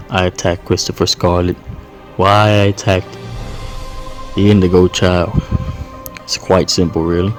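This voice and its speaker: Guy doing a bitter wrestler cutting a promo, low deep voice, music going behind. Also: darkish tone. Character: bitter young male wrestler, resentful rival.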